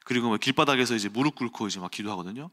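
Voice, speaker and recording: Male preacher, bright and forceful tone, animated storyteller who acts out scenes. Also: medium pitch, very fast. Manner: animated storytelling, acts out quotes and sounds, chuckles. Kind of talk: early-morning sermon with personal storytelling.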